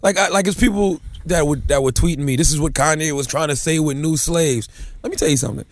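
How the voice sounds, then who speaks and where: A man's voice: a little high, fast talker, no room sound, clean studio sound. A man co-hosting a podcast, arguing emphatically and profanely in a casual debate. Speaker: podcast co-host.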